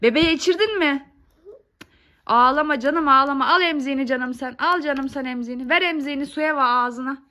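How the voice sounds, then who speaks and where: Bright high-voiced mother talking to kids. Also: quick pace, few pauses. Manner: coaxing, scolding playfully, talks to small children. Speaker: mother filming her kids. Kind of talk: casual family vlog chat.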